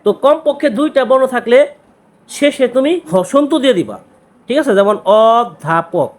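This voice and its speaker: A man teaching an exam-prep grammar lesson, who repeats key words and keeps asking quick check questions. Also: very high voice, animated, a little mellow.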